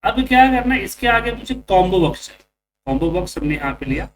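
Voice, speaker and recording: A man's voice: sits high, big pitch swings, distant mic, over music. A man teaching a live online coding class, explaining step by step, his voice distorted and clipping with a tapping crackle. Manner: explains step by step, slowly spelling out code. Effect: clipping, distorted mic with tapping crackle.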